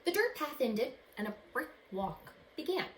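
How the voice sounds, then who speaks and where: In a high, very animated voice, a woman reads a picture book to kids the way a teacher would. She leans into the drama and stops to put questions to her young audience. Expect a roomy echo and some faint background noise.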